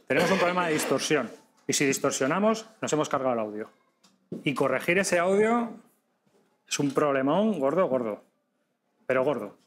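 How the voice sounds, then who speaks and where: A man teaching a live podcasting workshop to an audience, lively and demonstrative, often checking in with quick questions. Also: on the high side, noisy background. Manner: lively, demonstrative, addresses audience directly with frequent tag questions.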